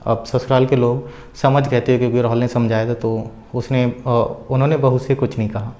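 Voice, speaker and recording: A man's voice: medium pitch, flat delivery, normal speed, dark tone. Man rambling through a spoken story. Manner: rambling retelling full of "so" fillers and hesitations.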